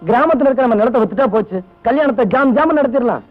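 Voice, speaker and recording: An earnest young brother. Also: male voice, very high-pitched, fast talker. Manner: earnest and pleading. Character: devoted young man, eager elder brother. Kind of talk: 1980s film dialogue. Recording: tinny, phone-like old film soundtrack with music behind.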